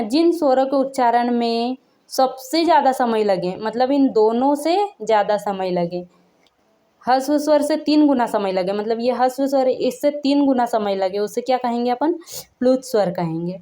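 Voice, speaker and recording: A woman teaches a Hindi grammar lesson in a casual classroom style, saying "theek hai na" after each point and asking the viewer questions to check they follow. She stretches out sounds to show their length. Her voice is fairly high and mellow, with lively intonation at normal speed.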